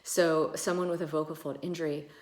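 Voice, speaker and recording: A woman's voice: sits low, little pitch movement, brisk. A woman ENT doctor explaining casually, with many fillers, who sometimes demonstrates how voices sound. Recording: echoey room.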